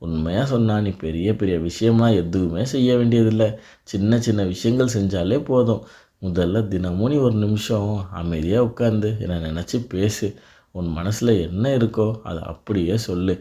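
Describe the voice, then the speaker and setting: Low, mellow man giving a calm blessing. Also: normal speed. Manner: calm, reassuring second-person address. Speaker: devotional narrator. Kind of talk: devotional spoken blessing.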